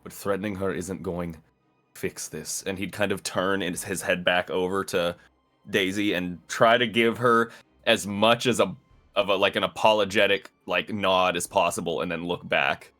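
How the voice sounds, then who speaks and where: A man's voice: low-pitched, steady tone, normal speed, pushed and bright, faint music behind. A man player in a tabletop game, describing his character's actions in a laid-back, rambling way.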